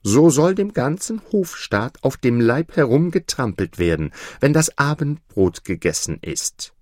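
A man voicing an imperious old emperor in a storybook reading, giving commanding, drawn-out pronouncements. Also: medium pitch, sing-song, a little mellow, no echo, studio quality, voice pushed up.

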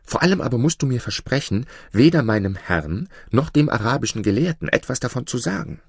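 A man's voice: mid-range voice, animated, fairly quick, creaky, slightly rough, no echo, clean studio sound, pitched above the performer's own voice. A man reading the part of an anxious, homesick young Egyptian servant boy in a storybook tale, pleading and earnest.

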